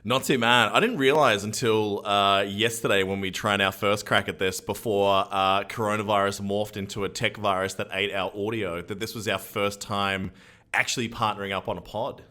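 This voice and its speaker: An upbeat man hosts a casual podcast, joking around and plugging the show. His voice sits fairly low but sounds bright and forceful. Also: fairly even intonation, normal speed. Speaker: podcast host.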